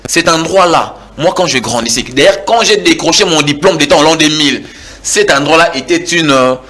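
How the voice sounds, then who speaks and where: A man in his forties from Kinshasa, DR Congo, with a Congolese French accent, argues heatedly as a guest in a televised political debate, repeating words to press his point. His voice is fairly high-pitched and sharp in tone, at a moderate pace.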